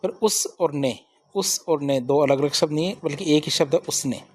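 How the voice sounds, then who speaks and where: A man's voice: on the high side, normal speed, a little mellow, slightly rough. A man teaching a spelling lesson for exam students, asking each question and answering it himself. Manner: drills with repeated question-and-answer. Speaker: Hindi exam tutor.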